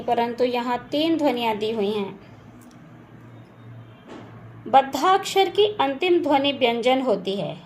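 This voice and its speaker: A woman teaching Hindi grammar for exam prep, going through answers patiently and spelling words out sound by sound. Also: high-pitched. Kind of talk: exam-prep lesson, checking answers aloud. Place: home beside a railway track. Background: faint household ambience, occasional train noise.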